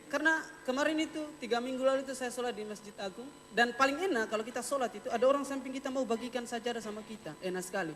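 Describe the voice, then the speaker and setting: A man's voice: very high voice, racing, hardly any pauses, a bit bright. Young man doing stand-up in a hall. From Wakatobi, Southeast Sulawesi. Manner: playful storytelling with mock dialogue. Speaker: stand-up comedian. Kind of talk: stand-up comedy set. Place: stage in a hall before an audience. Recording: reverberant hall, faint noise.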